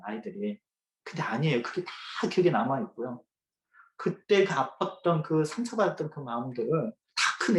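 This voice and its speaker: Male pastor preaching in an echoey church. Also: a little high. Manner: vivid storytelling, swings between loud and hushed. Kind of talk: sermon. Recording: echoey room sound.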